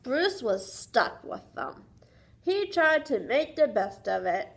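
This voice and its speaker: A woman's voice: high voice, very animated, takes it slowly, vocal fry. A woman reading a picture book aloud to young children as a teacher would, sing-song and often prompting them with questions.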